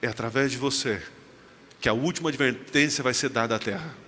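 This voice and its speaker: A middle-aged man with a Brazilian Portuguese accent, preaching a sermon with lively storytelling and joking asides to the congregation. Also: mid-range voice, a little fast. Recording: reverberant hall, faint background noise.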